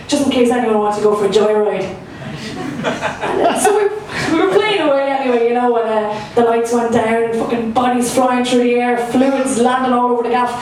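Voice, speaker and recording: Doing her first stand-up set on a comedy club stage, a young Irish woman chats in a fairly high, darkish voice, self-mocking and full of fillers. She's recorded from far off in an echoey room, with a little hiss or hum.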